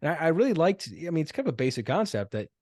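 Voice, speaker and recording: A man's voice: on the high side, very animated, very fast, darkish tone, no echo, clean studio sound. A man co-hosting a casual podcast, chatty and loose, hedging with filler words. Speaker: podcast co-host.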